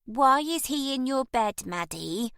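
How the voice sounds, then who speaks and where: A woman voicing a small, curious little girl who whispers hoarsely and gruffly. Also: sits high, expressive, a little slow, fairly bright tone, no room sound, pitched above the performer's own voice, full character voice.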